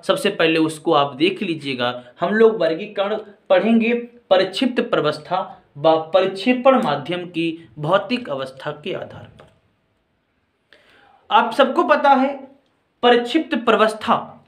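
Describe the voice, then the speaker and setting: Man, chemistry teacher, fairly high voice, step-by-step lecture, roomy echo. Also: a bit bright. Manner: explains step by step, often asks if it is clear; addresses students as children and friends. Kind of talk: classroom-style lecture. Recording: echoey room.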